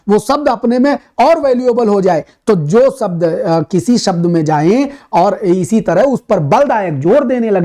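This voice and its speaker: A man teaching Hindi grammar for an exam, explaining patiently, slowing down to recite verses and repeating key words for emphasis. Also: high-pitched, warm tone. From India. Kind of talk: exam-prep grammar lesson.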